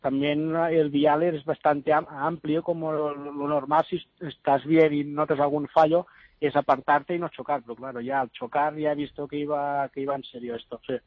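Man, eyewitness photographer, phone interview, halting, restarts words, slightly high voice, muffled lo-fi line. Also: little pitch movement, no echo. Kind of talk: eyewitness account.

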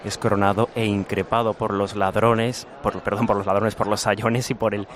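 Man reporting live in a flat voice. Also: on the low side, moderate pace. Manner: steady descriptive reporting with small restarts. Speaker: field reporter. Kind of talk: live event commentary. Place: outdoor city street among the procession.

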